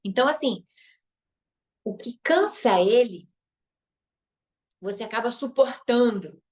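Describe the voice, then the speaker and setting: A woman's voice: fairly high pitch, animated, slow pace. A woman with a Brazilian Portuguese accent, a relationship coach and therapist, teaching a live online masterclass. She is emphatic, repeats key phrases and tacks on tag questions.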